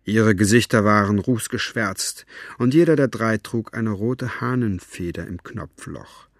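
A man narrating an audiobook in a measured, low-key reading. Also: no room sound, clean studio sound. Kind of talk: scripted narration.

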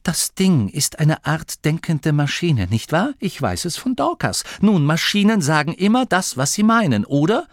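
A man voicing a stern, bossy young female gnome in an audiobook, with a sharp, commanding, scolding way of talking. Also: fairly high pitch, sing-song, moderate pace, hardly any pauses, no echo, studio quality, pitched above the performer's own voice. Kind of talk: audiobook character voice.

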